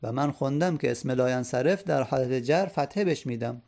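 A man's voice: medium pitch, vocal fry, a little mellow. A man teaching Arabic grammar, patiently repeating each point and example.

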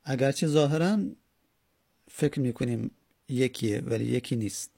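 A man's voice: mid-range voice, vocal fry, mellow, breathy edge, no room sound. A man teaching a grammar lesson, patiently repeating and spelling out each step. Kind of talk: Arabic grammar lesson in Persian.

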